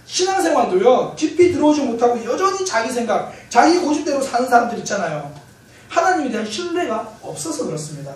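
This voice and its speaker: A man preaching a Sunday sermon as pastor, telling stories in a lively way with light humor. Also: very high voice. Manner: lively storytelling with self-corrections and light humor. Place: church sanctuary. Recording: very echoey church hall, mic far off, faint hiss.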